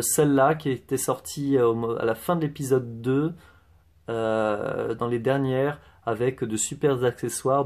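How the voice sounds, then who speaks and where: A man's voice: medium pitch, darkish tone. A man giving a casual show-and-tell tour of his collection, hesitant, with many fillers and restarts.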